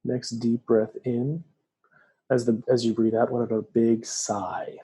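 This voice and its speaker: Soft-spoken man guiding a slow meditation. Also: mid-range voice, level tone, husky. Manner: slow, soft, soothing instructions. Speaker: meditation guide. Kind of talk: guided breathing meditation.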